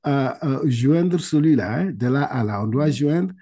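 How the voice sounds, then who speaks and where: A man's voice: medium pitch, lively intonation, dark tone, slightly rough. A man teaching Quran reading over a video call, explaining patiently step by step and checking in with frequent "ok?". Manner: slow, drawn-out recitation of Arabic words for repetition.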